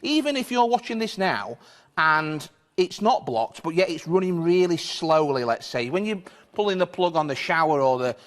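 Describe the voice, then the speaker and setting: British home shopping demonstrator, fairly high male voice. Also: sing-song, normal speed. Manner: informal, reassuring, step-by-step instruction. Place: television studio.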